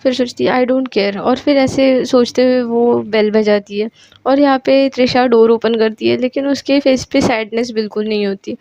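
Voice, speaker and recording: A woman's voice: on the high side, steady tone, moderate pace, mellow, no echo, muffled recording. A woman casually narrating a romantic story, chatty and mixing in English words, correcting herself as she goes.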